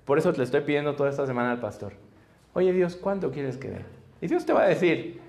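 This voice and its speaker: A man's voice: fairly high pitch, very animated, fast, vocal fry, a little mellow. A man preaching a conversational sermon, telling stories and acting out dialogue with frequent chuckles. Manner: storytelling, acts out dialogue, chuckles often. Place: church service before a congregation.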